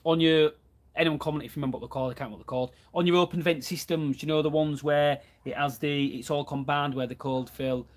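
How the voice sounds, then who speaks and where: A man's voice: on the high side, steady tone, quick pace. A man, chatting casually about running his plumbing business in a live question and answer from his van. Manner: chatty and plain-spoken, reads out viewer comments. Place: inside a van.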